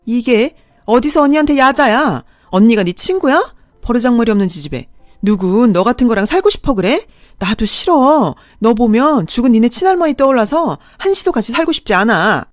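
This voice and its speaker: A woman voicing an aging mother who nags and scolds her daughter in a sharp, raised voice. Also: on the high side, sing-song, fairly quick, no room sound, clean studio sound, faint music behind. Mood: furious. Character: aging mother, shrill, scolding and self-pitying.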